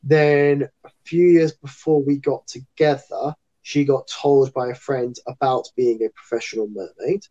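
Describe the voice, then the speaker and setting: Chatty man with a dark voice. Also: mid-range voice, muffled recording. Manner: chatty, rambling storyteller. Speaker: guest entertainer and actor. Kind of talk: casual interview chat.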